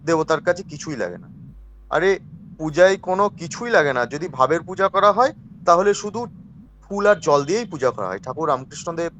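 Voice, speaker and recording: Man teaching slowly, repeating words. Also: fairly high pitch, fairly bright tone, slight background noise. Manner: explains slowly, repeats key words and syllables, asks the class questions. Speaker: teacher of priestly rites. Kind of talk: classroom lecture.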